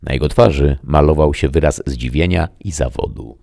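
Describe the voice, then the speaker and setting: A man narrating a story in a steady, measured way. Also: very deep voice, vocal fry, dry recording, clean studio sound. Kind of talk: scripted narration.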